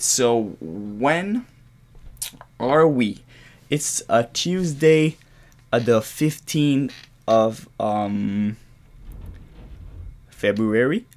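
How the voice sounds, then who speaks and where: With a fairly low pitch, a young Québécois man in his twenties records his unscripted English podcast monologue in his bedroom in a shared apartment. French is his native language, and he rambles casually, restarting and cursing.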